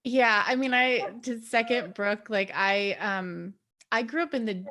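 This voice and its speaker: Woman from georgia, interview guest, mid pitch, hesitant with lots of likes. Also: measured pace, sharp tone. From Georgia, United States. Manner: hesitant, many likes and restarts. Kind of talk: casual interview chat.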